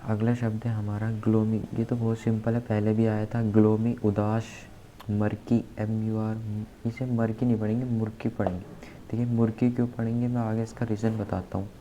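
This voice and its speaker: A man's voice: fairly low pitch, flat delivery, normal speed, dark tone, rough recording. A man teaching exam vocabulary, spelling words out letter by letter and repeating key words as he explains memory tricks. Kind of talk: exam-prep vocabulary lesson. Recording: faint background noise.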